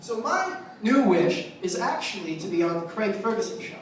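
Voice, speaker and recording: A man doing a stand-up comedy set, talking casually and self-deprecatingly with halting fillers. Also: high voice, very animated. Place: small comedy club. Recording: echoey club heard from the mic at a distance, faint crowd noise.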